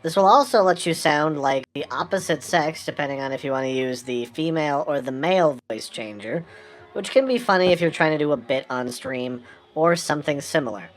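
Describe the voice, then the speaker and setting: A man's voice: fairly high pitch, a little fast, faint music behind. A man speaking through a female voice changer filter, explaining casually. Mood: playful. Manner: chatty, explanatory.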